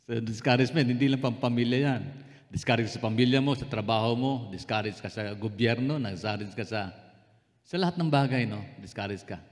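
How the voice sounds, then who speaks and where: Filipino pastor preaching in a reverberant hall. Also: male voice, mid-range voice, a little fast. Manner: conversational, joking with the congregation, calling out to them. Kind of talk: sermon. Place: church hall. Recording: long reverb in a church hall.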